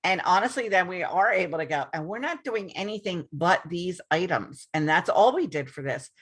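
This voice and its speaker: In a lowish, breathy-edged voice with lively intonation and a moderate pace, a woman realtor talks informally to camera. The screen-share recording catches her rambling chattily, repeating herself and restarting often with plenty of ums.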